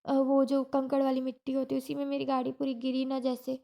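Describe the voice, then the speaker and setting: A woman's voice: high voice, completely flat delivery, brisk, gravelly, mellow. A young woman in casual vlog talk, telling a story in a shaken, rambling way with many restarts, still in pain after a fall. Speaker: vlogger.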